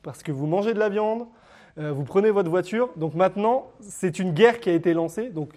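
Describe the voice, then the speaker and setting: A man giving a public lecture with slides, talking straight to his audience and pausing often on filler sounds. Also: sits high, a little mellow. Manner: hesitant, frequent "euh" fillers and restarts; addresses the audience directly. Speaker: conference speaker.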